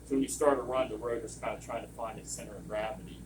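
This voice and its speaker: Loud compressors and vacuum pumps roar in the background as an equipment trainer, a man with a mid-range voice and fairly even intonation, talks fast. His hands-on explanation is informal and rambling, wandering into tangents, and the mic sits far away.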